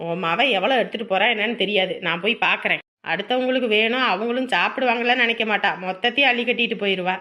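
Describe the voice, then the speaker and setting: A woman's voice: medium pitch, fast talker, few pauses, pushed and bright, natural voice. A woman voicing a jealous young unmarried daughter in a cartoon, complaining that her sister takes too much. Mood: resentful. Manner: complaining, whiny. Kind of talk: cartoon voice acting.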